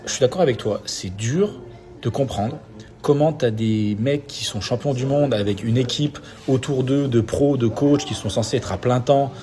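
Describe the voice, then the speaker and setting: French man chatting, crowd noise behind. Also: mid-range voice. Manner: hesitant, many restarts and fillers. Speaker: podcast co-host. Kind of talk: casual chat.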